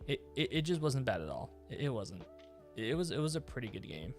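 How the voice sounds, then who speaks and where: A man's voice: medium pitch, sing-song, fast talker, soft background music. A man chatting casually on a live stream, rambling with many fillers and restarts.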